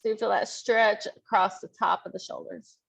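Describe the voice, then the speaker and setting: A woman leading a yoga class, calmly and encouragingly cueing each pose and stretch. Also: mid-range voice, normal speed, creaky, breathy edge. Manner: calm, encouraging cueing of poses. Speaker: yoga instructor. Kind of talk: guided yoga class instruction.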